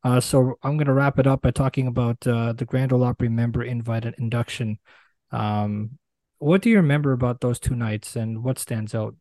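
A man's voice: mid-range voice, steady tone, a little fast, darkish tone, dry recording. A man interviewing a guest over a video call, asking questions hesitantly with many fillers. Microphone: remote video call.

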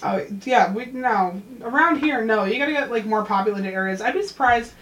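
A woman's voice: a little high, a little fast, a bit bright, echoey room, rough recording. A woman in her thirties in casual chat, telling stories and laughing as she talks. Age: 30s. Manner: storytelling, laughs through her words.

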